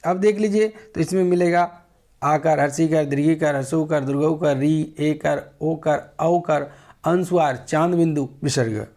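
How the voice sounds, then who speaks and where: A man's voice: fairly high pitch, normal speed, darkish tone. A male teacher giving a Hindi grammar lesson, explaining step by step and asking the class questions.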